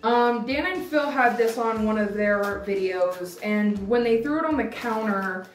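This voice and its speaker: A woman's voice: medium pitch, measured pace. A woman in her twenties chatting casually to camera as a vlog host, rambling and hesitant, with lots of filler "like". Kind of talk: casual chat to camera, candy taste test. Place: decorated room indoors. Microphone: camera a few feet away. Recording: roomy, distant mic, music behind.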